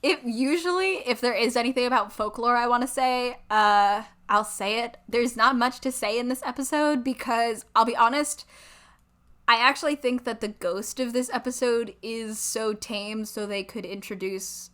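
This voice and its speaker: Young woman podcast co-host, bright voice, chatty and animated, casual talk. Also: fairly high pitch, moderate pace. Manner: chatty, lots of "like", animated asides. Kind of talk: casual chat.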